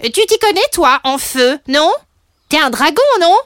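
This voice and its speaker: A woman's voice: high voice, lively intonation, measured pace, fairly bright tone, no room sound, studio quality, pitched above the performer's own voice. Woman doing a chatty little sprite. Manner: chatty, hesitant and bouncy. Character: chatty little male sprite, gossipy and eager. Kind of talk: storybook reading.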